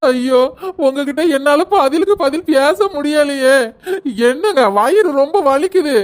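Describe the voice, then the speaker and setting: A woman's voice: high-pitched, a little slow. A woman with a Kanyakumari Tamil accent playing a young pregnant wife in labour who wails, groans and bickers sharply in a family comedy skit. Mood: sharp, whiny.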